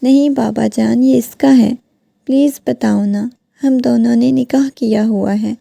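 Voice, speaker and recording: A woman voicing a heartbroken, tearful young wife who pleads softly, in a creaky voice. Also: on the high side, fairly even intonation, dry recording, studio quality. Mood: pleading.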